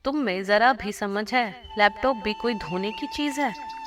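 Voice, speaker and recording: A stern, exasperated middle-aged mother-in-law, as a woman narrator puts her on in a cartoon storybook. She scolds with weary impatience over loud backing music. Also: medium pitch, expressive, unhurried, lightly acted. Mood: scolding.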